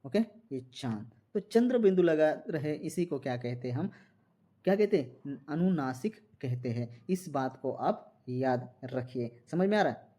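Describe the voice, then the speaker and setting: A man's voice: mid-range voice, lively intonation, unhurried, dark tone. A man teaching a Hindi exam-prep lesson, explaining step by step and often asking the students if they follow. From India. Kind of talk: classroom MCQ lesson.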